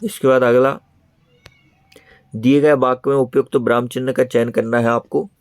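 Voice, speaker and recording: A male teacher works through an exam prep lesson, repeating each answer in a steady explaining manner. His voice sits at an ordinary middle pitch. The sound is dry and close, with no room around it. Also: moderate pace, clear, resonant tone, no room sound. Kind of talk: online lesson.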